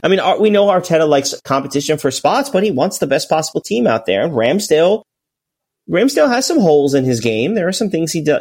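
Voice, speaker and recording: A man talks casually on a podcast at an ordinary middle pitch. He rambles in long chains of thought, restarting sentences and leaning on filler words. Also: a little mellow. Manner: rambling, full of restarts and "you know". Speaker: podcast co-host. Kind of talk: casual chat.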